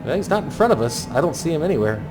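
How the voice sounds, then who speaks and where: A man with a slightly high, very animated voice talks rapid-fire over music as he flies a landing approach in a flight simulator. He narrates and thinks aloud in clipped aviation jargon.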